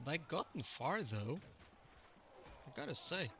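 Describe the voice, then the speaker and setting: A man's voice: fairly high pitch, unhurried, slight background noise. A man streaming a strategy game, chatting casually with viewers as he plays. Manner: relaxed, chatty, greets viewers. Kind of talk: live gaming commentary.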